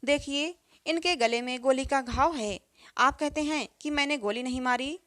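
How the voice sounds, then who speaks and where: Innocent young boy, earnest, pleading, high voice, read by a woman storyteller. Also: normal speed, fairly bright tone, no room sound, clean studio sound.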